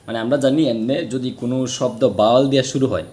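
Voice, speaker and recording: A man's voice: medium pitch, steady tone, racing, darkish tone. Man teaching a grammar lesson. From Bangladesh. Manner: explains step by step, asks and answers own questions. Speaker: English teacher.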